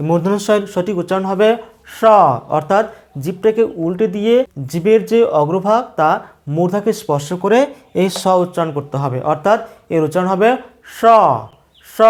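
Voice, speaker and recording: Teacher voice, mid pitch, methodical, repeats every sound for learners. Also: darkish tone. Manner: slow, repeats each sound several times. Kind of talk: pronunciation lesson.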